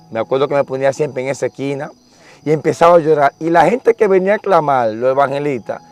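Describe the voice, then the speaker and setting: A young man tells his conversion story in an earnest, repetitive, emotional manner during an interview. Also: mid-range voice. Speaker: interviewee giving testimony. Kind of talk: religious testimony, casual storytelling.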